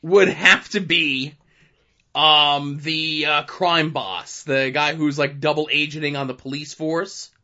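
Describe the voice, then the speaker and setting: A man's voice: fairly high pitch, fairly even intonation, slow pace, sharp tone, lo-fi sound. A man co-hosting a comic book podcast, chatting casually and enthusiastically with a lot of fillers. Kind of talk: casual chat reviewing comics.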